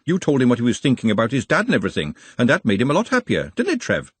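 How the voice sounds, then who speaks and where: A man voicing a practical, no-nonsense young woman who talks briskly and bluntly. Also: mid-range voice, wildly swooping pitch, husky, dry recording, voice pushed up.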